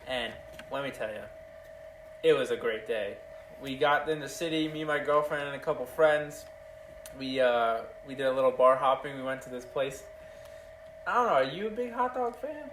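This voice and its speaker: A man's voice: mid-range voice, moderate pace, fairly bright tone, a little hiss or hum. Rambling young man, distant roomy mic. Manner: rambling storyteller, loose and profane. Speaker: podcast host. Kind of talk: casual chat.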